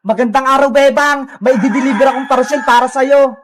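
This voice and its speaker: A woman voicing a friendly adult male delivery rider in a lowered, bluff voice. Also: fairly even intonation, a little fast, a little hiss or hum, lightly acted. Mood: reassuring.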